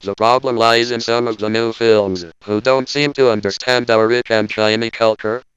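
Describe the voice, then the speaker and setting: A man playing an indignant robot spokesman who delivers a stiff, deadpan lecture in a smooth, resonant voice. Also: medium pitch, normal speed, dry recording, lo-fi sound, soft background music, natural voice. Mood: stern. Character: indignant male robot spokesman, cold and logical. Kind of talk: scripted parody monologue.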